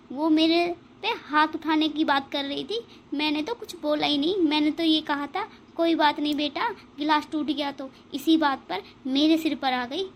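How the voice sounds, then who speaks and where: A high-voiced, bossy mother-in-law in a cartoon family squabble. She taunts and threatens her daughters-in-law in a scolding, sharp-tongued way. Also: slight background noise. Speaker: voice actor. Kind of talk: cartoon family drama acting.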